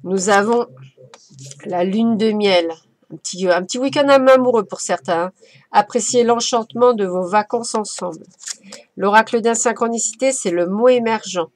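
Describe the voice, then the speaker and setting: A woman's voice: medium pitch, moderate pace, no room sound. A woman giving a casual, playful oracle card reading as a medium, chatty and effusive. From France.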